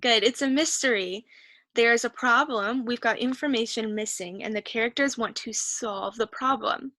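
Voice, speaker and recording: Going over a reading worksheet with patience, a woman teacher encourages the class and thinks out loud as she scans the text. She speaks at normal speed in a pushed, bright voice on the high side, recorded without echo, during a reading comprehension lesson.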